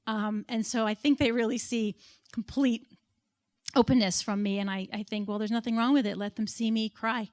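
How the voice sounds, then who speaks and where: A woman's voice: fairly high pitch, steady tone, moderate pace. Candid, emotional woman panelist. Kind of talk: personal story at a panel.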